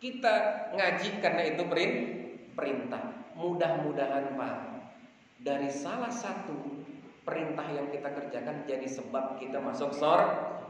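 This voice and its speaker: Male preacher, folksy and joking, talks straight to the congregation, dawn mosque sermon, booming hall echo, distant mic. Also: animated, moderate pace, long pauses. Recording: echoey hall, mic far off, faint room noise.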